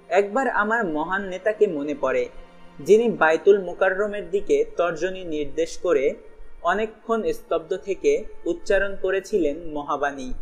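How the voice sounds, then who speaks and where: Husky man narrating an audiobook. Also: on the high side. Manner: measured, grave first-person reading. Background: faint background music.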